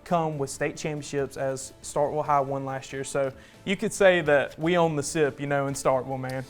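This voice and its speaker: A man's voice: medium pitch, steady tone, normal speed, faint music behind. A young man, anchoring sports on a student newscast in an upbeat, chatty way. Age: young adult. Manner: chatty, upbeat, casual fillers.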